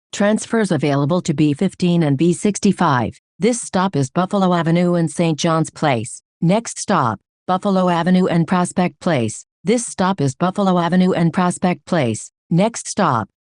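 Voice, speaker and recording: A woman giving automated bus stop announcements in measured, evenly paced phrases. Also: fairly low pitch, a little mellow, no room sound, studio quality. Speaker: transit announcer.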